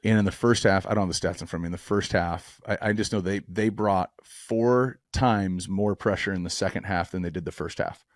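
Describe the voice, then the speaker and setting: A man's voice: sits low, fairly even intonation, fairly quick, no room sound. A man co-hosting a football podcast, talking through a play step by step like a coach. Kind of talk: film breakdown.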